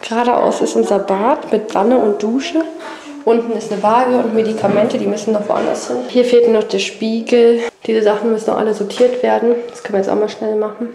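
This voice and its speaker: Crowd noise sits behind this young woman's voice, which is on the high side, creaky, fairly quick and fairly even. She has a cold and gives a chatty tour of her family's house, filming herself on a handheld wide-angle camera at arm's length as she moves between rooms.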